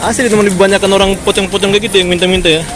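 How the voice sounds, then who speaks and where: With a high voice, little pitch movement and rapid-fire delivery, a man from Jakarta with a Batak accent vlogs on a busy city street. He's chatty and keeps addressing his viewers as friends while the crowd and music carry on behind him.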